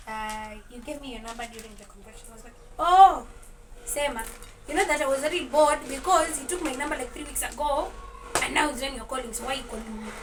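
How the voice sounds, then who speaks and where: A young woman chatting in a casual storytelling vlog, mixing Swahili words into her English and laughing often. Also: sits high. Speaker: vlogger. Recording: distant mic with clear kitchen noise. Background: dishes and cutlery clinking.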